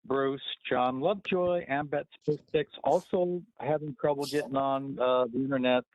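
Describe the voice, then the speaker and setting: A man's voice: mid-range voice, fairly even intonation, normal speed, dry recording. A man calling in to a board meeting by phone, briefly and matter-of-factly checking in as a veterans group representative. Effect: heard over a phone line. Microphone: telephone. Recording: dull phone-line sound.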